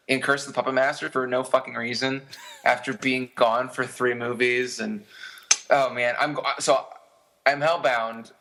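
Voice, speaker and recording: A man's voice: mid-range voice, bright, forceful tone. Rambling, swearing man on a podcast. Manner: rambling, swearing, self-correcting. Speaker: podcast co-host. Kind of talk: casual chat.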